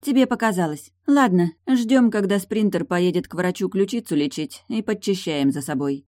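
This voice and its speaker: A woman's voice: medium pitch, normal speed, a little mellow, no room sound, clean studio sound, voice pushed up, natural voice. A woman reading the part of a tough, menacing woman investigator in an audiobook, cold and clipped. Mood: curt.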